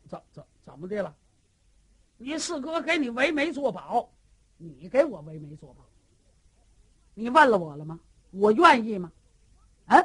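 A woman's voice: a little high, husky, heavily acted. A woman storyteller voicing a proud, hot-tempered young male warrior who talks back indignantly. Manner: indignant, sharp retorts.

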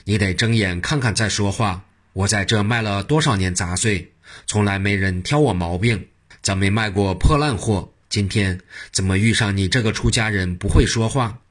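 A man voicing an irritable, touchy street food seller in a spoken storybook, low and husky. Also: natural voice. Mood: indignant. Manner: touchy and quick to anger. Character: irritable middle-aged male tripe seller.

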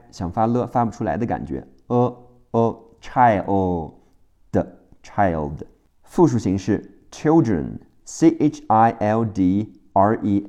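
A man teaching English vocabulary in a phonics lesson, spelling each word letter by letter and repeating it slowly. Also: fairly low pitch, mellow.

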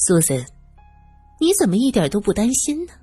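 A woman's voice: mid-range voice, very animated, moderate pace, mellow, slightly rough, dry recording, faint music behind. A woman voicing a bossy, distrustful woman who presses with doubtful questions. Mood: suspicious. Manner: probing, doubtful, commanding. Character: suspicious, domineering woman, quick to anger.

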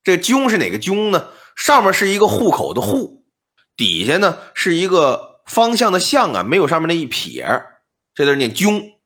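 A man telling an old ghost story on a podcast, explaining details in an animated, comic patter. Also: on the high side, a little fast. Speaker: storyteller, co-host.

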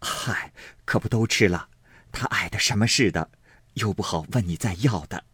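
A man voicing a middle-aged kitchen woman who speaks softly and ingratiatingly, eager to please. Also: fairly low pitch, moderate pace, slightly rough, no room sound. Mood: confiding. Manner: ingratiating, soft-spoken.

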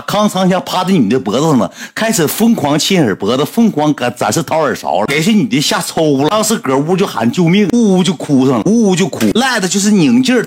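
A man with a Northeastern Chinese accent telling a comic story in a lively, colloquial way. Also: fairly high pitch, slightly rough. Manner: lively, colloquial, animated retelling.

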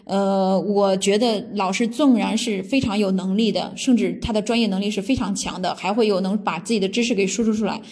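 A woman from China talks to her viewers in an easygoing, meandering monologue. Her pitch is ordinary for a woman, and she often stops to gather her thoughts before going on. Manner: relaxed and rambling, with frequent thinking pauses. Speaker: vlogger. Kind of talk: casual storytelling monologue.

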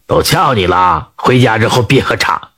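A man voicing an odd, cryptic old male earth god who drinks wine, speaking slowly and teasingly, in a storybook tale. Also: lowish voice, animated, bright, forceful tone, slightly rough, pitched below the performer's own voice, heavily acted. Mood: solemn warning.

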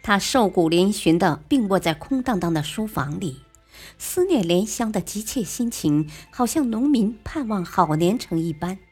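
A woman narrating a classic tale in an expressive, lively way. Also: medium pitch, normal speed, slightly rough. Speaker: storyteller. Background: faint music.

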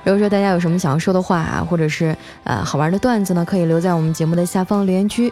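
A woman's voice: lowish voice, racing, warm tone, faint music behind. A young woman hosting a comic audio show, telling funny stories and reading listener messages in a chatty, playful way. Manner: chatty, playful, trails phrases with 啊. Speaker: podcast host.

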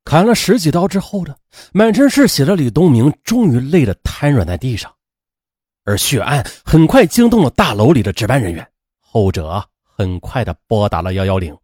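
Guy telling a true crime story, husky, pitch swings all over, super dry sound. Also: big pitch swings, moderate pace, darkish tone, no room sound. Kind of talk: dramatic true-crime narration.

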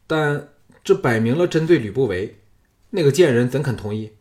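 A man voicing a young, proud and scheming king who is uneasy before his general, speaking in a raised, forceful voice in an audiobook. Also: medium pitch, animated, unhurried, natural voice.

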